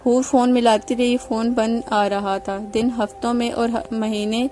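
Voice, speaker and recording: A woman narrating a moral story in a steady reading voice, with faint music behind. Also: a little high, slight background noise. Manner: steady, even reading with small restarts.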